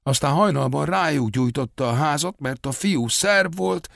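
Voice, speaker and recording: A male narrator voicing an older village woman, recalling wartime losses in a mournful, measured way. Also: a little high, expressive, vocal fry, fairly bright tone, no echo, clean studio sound, voice pushed up, full character voice. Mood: grieving.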